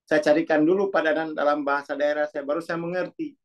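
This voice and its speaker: Fast and steady in tone, with a slightly high voice, a man who speaks Muna muses casually on consciousness and self-development. He wanders through asides and corrects himself in a loose, reflective monologue.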